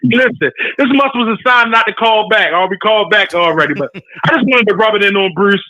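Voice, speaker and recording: A man's voice: high voice, fairly quick, pushed and bright, no echo. A man calling in to a sports talk show, fired up and needling, his voice choppy and glitching robotically as the call breaks up. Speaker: call-in listener. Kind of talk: casual sports trash talk. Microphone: phone. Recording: muffled breaking-up phone line.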